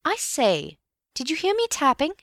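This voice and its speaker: An eager, excitable young man in a storybook, firing off quick questions, as a woman narrator puts him on. The voice sits low and moves at an unhurried pace. It is recorded dry and close. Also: no room sound. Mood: excited.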